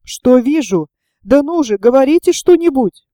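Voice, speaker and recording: A woman's voice: high-pitched, lively intonation, moderate pace, dark tone, no room sound, clean studio sound. A woman voicing an imperious older noblewoman who speaks in a commanding, curt, indignant way in an audiobook. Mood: impatient.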